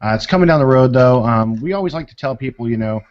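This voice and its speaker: A man's voice: mid-range voice, expressive, fast. A man on a video call casually answering members' questions as a co-presenter, in an informal, conversational way. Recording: muffled, lo-fi video call audio.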